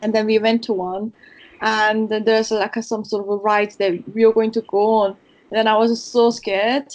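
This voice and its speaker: A woman from South Korea co-hosts a laid-back podcast, telling stories and laughing frequently in casual chat. Her mid-range voice shows little pitch movement at a moderate pace, and the recording is lo-fi and slightly dull.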